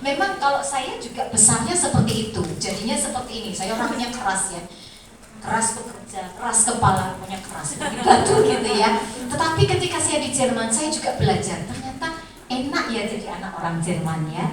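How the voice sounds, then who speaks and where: A middle-aged woman, a kindergarten teacher giving a lively lecture to students, storytelling with acted-out voices and frequent laughs. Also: a little high. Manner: animated storytelling, acts out voices, laughs often. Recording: echoey room, voice from far off.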